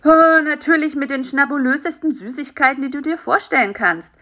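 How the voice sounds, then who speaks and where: A woman's voice: high-pitched, fairly quick, fairly bright tone, pitched above the performer's own voice. A woman doing a sleepy, sulky spider. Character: tired, stingy, lonely male spider. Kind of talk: children's story reading.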